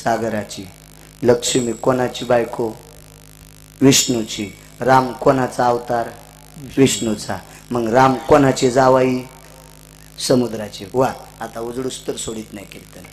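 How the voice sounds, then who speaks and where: A middle-aged man with a Marathi accent, preaching a devotional story-sermon, swinging from loud, high outbursts to quiet murmurs. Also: fairly even intonation, unhurried, pauses often, faint music behind, rough recording. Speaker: kirtan preacher. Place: live religious gathering.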